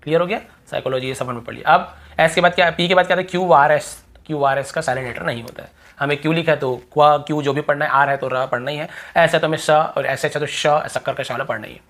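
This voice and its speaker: Man drilling words in a slow lesson. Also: on the high side, fairly even intonation, fairly bright tone. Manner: repeats example words slowly, drawn out, several times; asks the viewer quick check questions. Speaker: English teacher. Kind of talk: spoken language lesson.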